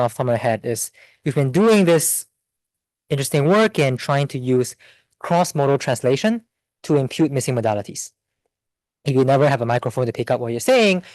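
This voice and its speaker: A man giving a seminar talk and answering audience questions in a quick, think-aloud way with restarts. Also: medium pitch, darkish tone, dry recording. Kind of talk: academic Q&A.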